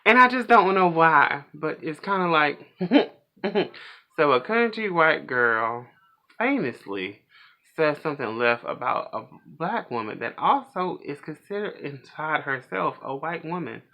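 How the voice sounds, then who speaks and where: A man rants about pop culture news on his own vlog, chatty and opinionated. His voice is bright and sharp, and it swings widely up and down as he gets animated. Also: fairly high pitch, a little slow. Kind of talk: casual pop culture rant.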